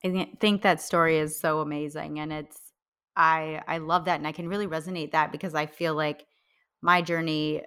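A woman's voice: low-pitched, fairly even intonation, normal speed, a bit bright, clear, resonant tone. A woman from North Dakota hosting a podcast, introducing her guest and chatting in an upbeat, encouraging way. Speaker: podcast host.

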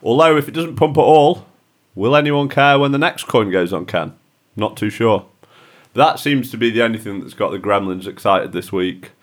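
A man with a fairly low voice, co-hosting a podcast in a loose, joking way. He banters with his friends and laughs easily. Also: normal speed. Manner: banterish, jokey, laughs often. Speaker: podcast co-host. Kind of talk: casual chat.

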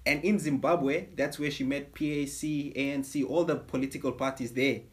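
A man telling his family story as a podcast guest in casual chat, animated and laughing often. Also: mid-range voice, moderate pace. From Fiji.

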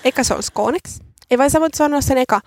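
A woman's voice: high voice, no echo, studio quality. A woman co-hosting a podcast, chatting casually and poking fun at herself. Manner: chatty, self-mocking. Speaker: podcast co-host. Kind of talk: casual chat.

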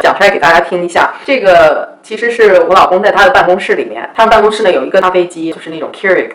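Fast-talking chatty woman in a roomy space. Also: lowish voice, fairly bright tone. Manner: chatty, often asks "you know?". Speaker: vlogger. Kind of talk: casual storytelling.

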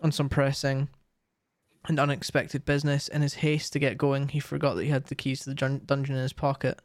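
A man's voice: medium pitch, completely flat delivery, a little fast, dry recording, studio quality. A young Scottish man co-hosting a podcast, chatting casually and reading aloud. He swears often and laughs a lot. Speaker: podcast co-host.

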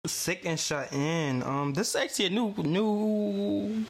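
A woman's voice: mid-range voice, slow pace, a little hiss or hum. Blunt, casual woman podcast co-host. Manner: casual, filler-heavy, blunt and profane. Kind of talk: casual chat.

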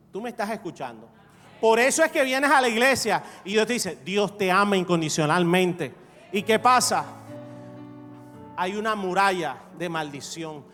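A male pastor delivering an evangelical sermon, emphatic and repetitive, building to shouts. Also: high-pitched. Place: church sanctuary. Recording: reverberant hall with faint music.

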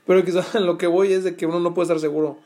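A young vlogger with a Mexican Spanish accent swears his way through a restless, slang-filled story for his viewers, leaning on plenty of fillers. He has a high, mellow voice, speaks quickly, and delivers it flatly.

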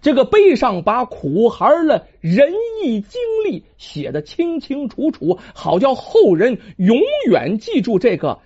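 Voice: mid-range voice, big pitch swings, a little slow, few pauses, darkish tone, breathy edge. A storyteller telling a folk tale in a dramatic traditional style, exclaiming and drawing out sentence endings, on a dull lo-fi recording.

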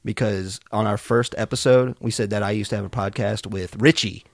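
A man's voice: fairly low pitch, steady tone, brisk, gravelly. A man co-hosting a casual podcast, talking in a chatty, playful way. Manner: chatty, playful, laughs often. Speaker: podcast co-host. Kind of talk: casual chat.

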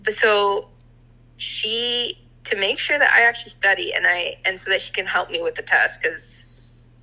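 A woman's voice: on the low side, bright, forceful tone, dull audio. A young woman co-hosting a podcast, chatting casually and swearing freely. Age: young adult. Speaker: podcast co-host. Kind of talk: casual chat.

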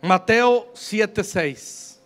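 A man's voice: high-pitched, drawn-out words, a bit bright, faint music behind. A Mexican man in his fifties, a pastor preaching to a congregation in a joking, slangy, conversational way and reading scripture aloud. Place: church service.

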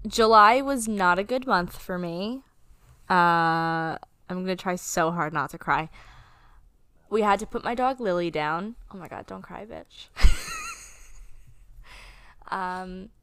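A woman's voice: mid-range voice, moderate pace, sharp tone, clear, resonant tone, no room sound. A woman in her twenties co-hosting a casual podcast chat, talking candidly with some swearing and sometimes close to tears. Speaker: podcast co-host.

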